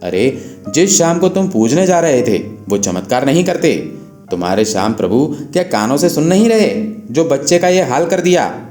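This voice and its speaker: A man's voice: a little high, sing-song, moderate pace, mellow. A man voicing a mocking neighbor who taunts, recorded in an echoey room with faint guitar music. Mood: taunting.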